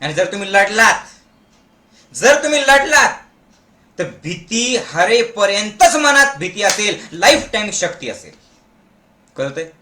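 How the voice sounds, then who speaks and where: Guy giving a pump-up motivational talk, sharp bright voice, keeps yelling at folks to answer, roomy echo. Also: sits high, big pitch swings, measured pace, pauses often. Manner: forceful, exhorting, urges listeners to shout back; mixes Marathi with Hindi and English phrases. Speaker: motivational meditation camp leader. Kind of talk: motivational speech to an audience. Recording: echoey room.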